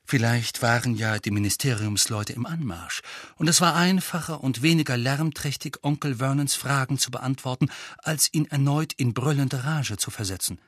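A man narrating an audiobook with expressive, lively storytelling. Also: mid-range voice, normal speed, no echo, studio quality.

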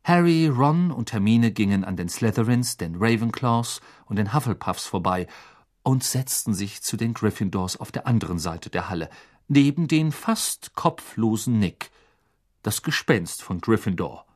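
A man narrating an audiobook in an expressive, dramatic storytelling manner. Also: lowish voice, measured pace.

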